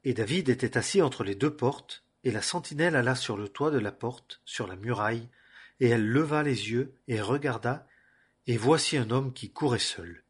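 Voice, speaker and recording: A man reading a Bible passage aloud in a measured, solemn way, phrase by phrase. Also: medium pitch, fairly bright tone, breathy edge. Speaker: scripture reader.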